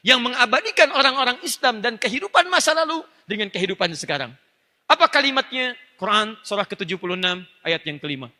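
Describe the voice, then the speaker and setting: A man's voice: very high-pitched, animated, quick pace, bright, forceful tone. A male Islamic preacher giving a religious lecture, teaching emphatically, addressing listeners directly and slipping into fluent Arabic phrases and recitation. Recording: long hall reverb.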